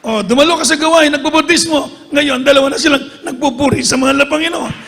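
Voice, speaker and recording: A middle-aged preacher with a very high, gravelly voice gives a rousing sermon. He keeps calling on the congregation for amens and applause. The sound carries a long reverb from a big church hall. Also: steady tone, fast talker, pushed and bright.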